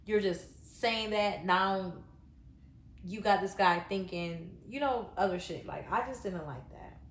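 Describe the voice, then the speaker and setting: A woman gives a casual reaction review of a reality show, rambling bluntly with plenty of fillers and some swearing. Her mid-range voice moves at a measured pace, and the roomy recording carries a little hiss or hum.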